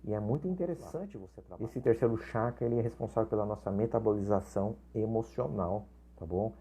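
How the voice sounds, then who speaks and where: A man's voice: lowish voice, fast, mellow, slight background noise. A man giving an informal spiritual lesson, chatty, often checking in with his listeners and restarting his sentences. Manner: chatty, frequent tag questions and restarts. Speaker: spiritual teacher.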